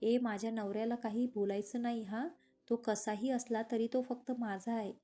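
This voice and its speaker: A woman's voice: a little high, steady tone, normal speed, mellow, soft background music, lightly acted. A woman voicing a playful, affectionate young woman in a romantic audio story.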